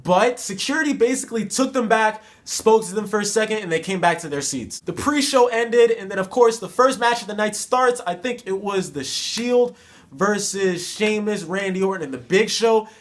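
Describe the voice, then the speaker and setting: High-voiced young man telling a casual story. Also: normal speed. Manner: slangy, emphatic and repetitive. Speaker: storytelling vlogger. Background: faint music.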